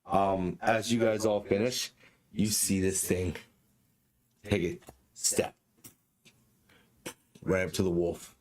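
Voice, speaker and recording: A man's voice: low-pitched, little pitch movement, slow, long pauses, darkish tone, a little hiss or hum. A man running a tabletop game as dungeon master, narrating in a casual, stop-start way with frequent swearing.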